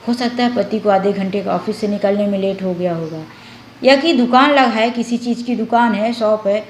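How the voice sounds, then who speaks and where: A woman's voice: mid-range voice, normal speed, a little mellow. Woman vlogger, preachy advice talk, roomy echo, faint hiss. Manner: preachy, addresses viewers directly as sisters and friends. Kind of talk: advice monologue acting out family scenes. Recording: echoey room with faint background noise.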